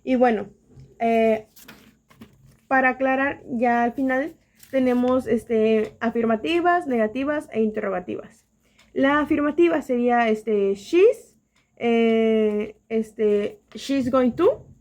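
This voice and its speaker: High-voiced young woman explaining grammar. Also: a little mellow. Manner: hesitant, many fillers and restarts, slows down to read example sentences.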